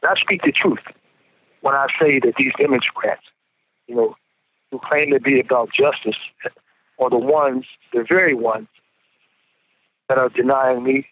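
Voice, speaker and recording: An incarcerated man gives a casual interview over a prison payphone handset, his medium-pitched voice thin and tinny on the line. He comes across as earnest and keeps repeating words whenever he starts over.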